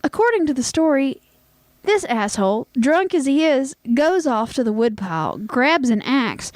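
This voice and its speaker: A woman's voice: sits high, sing-song, moderate pace, no echo. A young adult woman co-hosting a podcast, telling a story in loose, casual chat with plenty of fillers and swearing. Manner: swearing, filler-heavy, laughs often. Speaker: podcast co-host.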